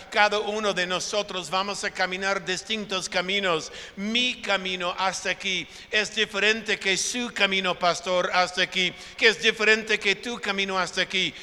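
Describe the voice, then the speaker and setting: A man delivering a sermon at an unhurried pace, his voice pitched high and bright. He repeats key phrases and slips into short acted-out exchanges with his congregation. The room is a large church hall with a long, echoing reverb. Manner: preaching with emphatic repetition and acted-out dialogue. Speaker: pastor.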